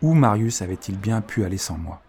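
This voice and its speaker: Man, storybook narrator, husky, lowish voice, soft expressive reading. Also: a little fast. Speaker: audiobook narrator.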